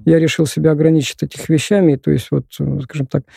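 A man's voice: a little high, flat delivery, quick pace, creaky, mellow, breathy edge, no echo, clean studio sound. A man in his sixties, a guest in a podcast interview, telling long rambling stories with lots of filler words. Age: 60s. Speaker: podcast guest, hiking expert. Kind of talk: casual interview chat.

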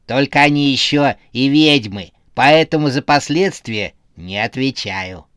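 A man's voice: mid-range voice, expressive, a little slow, a bit bright, clear, resonant tone, no echo, studio quality. A man voicing a cheerfully morbid woman who teases with macabre jokes in a comic horror audiobook. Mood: teasing. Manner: cheerful, teasing.

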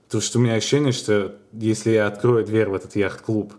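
A man with a fairly low voice co-hosts a casual podcast. He muses and tells stories at an unhurried pace, pausing on small hesitations. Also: steady tone, darkish tone. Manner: musing, storytelling, unhurried with hesitations. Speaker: podcast co-host.

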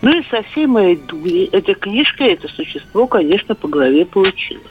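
A woman's voice: medium pitch, very animated, fairly quick, husky, soft background music. An elderly woman in her eighties calling a radio phone-in over a phone line, telling a personal story. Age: 80s. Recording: dull band-limited phone line.

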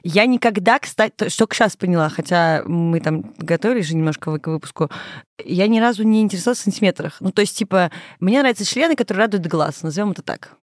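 Fast-talking, playful woman podcast host. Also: on the low side, lively intonation, no echo, clean studio sound. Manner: candid, playful, rambling. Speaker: podcast host, obstetrician-gynecologist. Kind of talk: casual, unscripted podcast chat. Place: podcast studio.

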